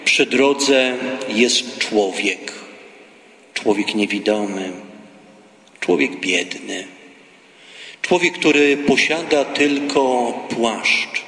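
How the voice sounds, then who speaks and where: Priest, male, very slow measured gospel reading and homily, bright tone, echoey church with long reverb. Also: on the low side. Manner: slow, measured liturgical delivery.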